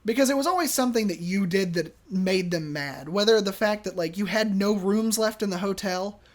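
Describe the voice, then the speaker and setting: A podcast host casually telling a work story, animated and chatty, acting out the people in it. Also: medium pitch, a little fast. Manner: chatty, many fillers and restarts.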